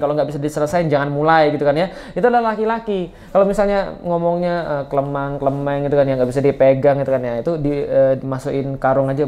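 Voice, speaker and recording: Fast-talking, joking male preacher. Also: fairly high pitch, a little mellow. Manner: casual, joking, keeps adding tag questions. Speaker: Islamic preacher. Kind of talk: religious study lecture.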